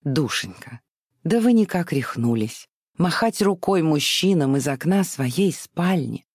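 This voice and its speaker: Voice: medium pitch, lively intonation, measured pace, darkish tone, slightly rough, dry recording, clean studio sound. A reader voicing a fussy, easily tearful elderly aunt who scolds in a fluttery way. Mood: fretful scolding. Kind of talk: audiobook reading.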